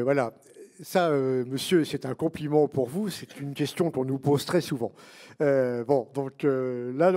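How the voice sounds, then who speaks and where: A man's voice: mid-range voice, dark tone. A man who is one of a book's authors, answering an audience question at a public talk, digressive with wry asides and many fillers.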